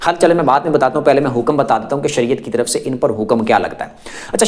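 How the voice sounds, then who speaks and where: Reassuring man teaching religious rulings. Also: a little high. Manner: repetitive, lists many examples. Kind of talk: explanatory religious talk to camera.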